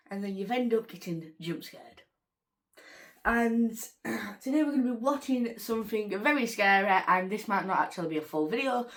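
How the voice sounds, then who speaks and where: A woman hosting a casual reaction vlog, chatty and easily startled. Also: mid-range voice. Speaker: reaction video host.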